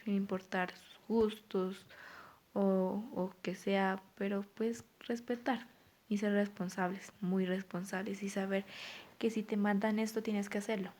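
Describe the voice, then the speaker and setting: A woman's voice: mid-range voice, little pitch movement, measured pace, darkish tone. A woman gives a spoken class presentation, with frequent "pues" fillers. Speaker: student presenting an assignment.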